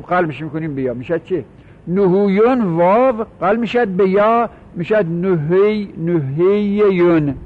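A man teaching a grammar lesson, stretching out example words slowly and asking questions he answers himself. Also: high voice. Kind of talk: classroom lecture on grammar. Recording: dull lo-fi recording.

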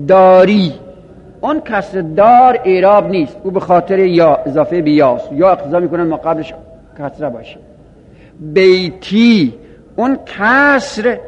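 High-voiced man teaching in a reverberant room. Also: lo-fi sound. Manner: explains step by step with rhetorical questions and recited examples. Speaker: teacher of Arabic grammar. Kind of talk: explanatory grammar lesson in Persian.

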